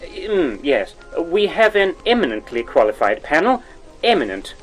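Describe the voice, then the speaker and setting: Pompous 1940s wireless presenter, plummy and lively in pitch. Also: male voice, moderate pace, faint music behind, rough recording. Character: pompous lecherous old-fashioned male radio presenter. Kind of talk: 1940s radio acting.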